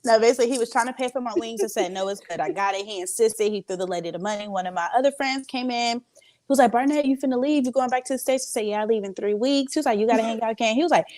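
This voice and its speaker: A woman co-hosting a podcast, telling blunt, crude stories in casual chat. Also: on the high side. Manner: fast, animated storyteller, blunt and crude. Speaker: podcast co-host.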